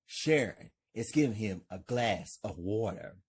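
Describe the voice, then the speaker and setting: A woman reading a horror story aloud, narrating scenes in a deliberate, stage-direction style. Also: very deep voice, animated, a little mellow, slightly rough. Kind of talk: slow narrated script reading.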